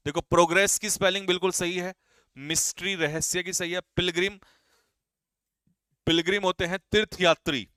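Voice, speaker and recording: Man, teacher quizzing a class, bright forceful voice, smooth, dry close sound. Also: high-pitched, steady tone, no echo. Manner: brisk, quizzing students and teasing them. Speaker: English vocabulary teacher. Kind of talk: live online exam-prep class.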